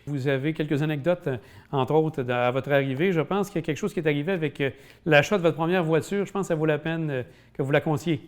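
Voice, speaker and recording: A man's voice: a little high, fast talker. Male interviewer, polite questions. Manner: polite, formal questioning with fillers. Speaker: TV interviewer, host.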